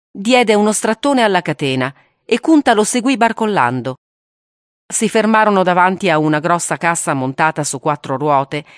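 A woman reading a novel aloud in a steady, grave audiobook narration. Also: medium pitch, no room sound, clean studio sound.

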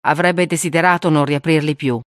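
A woman reading a novel aloud in a steady, grave audiobook narration. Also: deep voice, fairly quick, dry recording, studio quality.

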